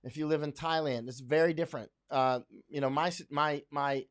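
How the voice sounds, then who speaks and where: A man's voice: fairly high pitch, fairly even intonation, fairly quick. A man from Central Florida talking casually on a livestream, rambling with many restarts and fillers. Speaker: livestream host. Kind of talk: casual livestream talk, reading viewer comments. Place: home in Chiang Mai, Thailand.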